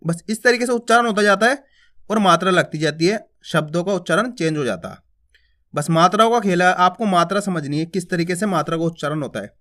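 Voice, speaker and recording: A man teaching Hindi, reading words slowly and repeating each one, asking his viewers questions and then answering them himself. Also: high-pitched, animated, a bit bright. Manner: says each word twice, drawing out the first, then explains step by step; addresses viewers as friends, asks and answers his own questions. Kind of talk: slow word-by-word reading lesson.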